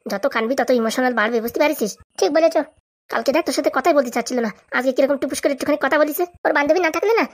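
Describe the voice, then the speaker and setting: A woman performing a comic sketch, trading rapid, bickering banter. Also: high-pitched.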